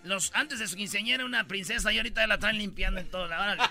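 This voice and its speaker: A Mexican man hosts a radio show with a casual, slangy, joking delivery. His voice sits high and rings very bright. He tells stories in an animated way. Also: quick pace, gravelly, soft background music. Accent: Mexican Spanish. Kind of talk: casual comedic radio chat.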